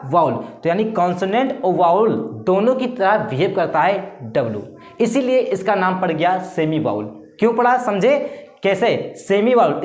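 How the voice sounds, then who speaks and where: A man teaching a grammar lesson who keeps posing rhetorical questions and answering them himself. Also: high-pitched. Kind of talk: explanatory classroom-style lesson. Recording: roomy echo.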